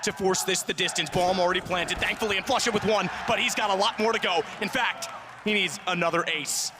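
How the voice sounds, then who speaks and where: A man commentating play-by-play as an esports caster, excitable and building to shouted climaxes. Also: sits high, background noise.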